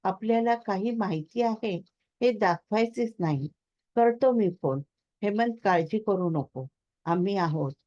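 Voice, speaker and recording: A woman reading the part of a worried middle-aged father who talks things through earnestly and calmly. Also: mid-range voice, unhurried, muffled recording, close to an everyday voice.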